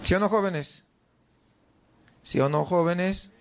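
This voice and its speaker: Slow-paced and accompanied by a slight hiss or hum, a high-voiced pastor with a Mexican Spanish accent gives a sermon in church. He keeps questioning his flock rhetorically and acts out their doubts in a louder voice.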